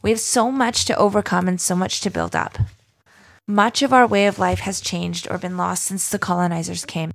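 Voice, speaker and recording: A woman hosting a podcast, reading announcements in a clear, announcing way. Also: fairly low pitch, fairly even intonation, moderate pace. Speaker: podcast host.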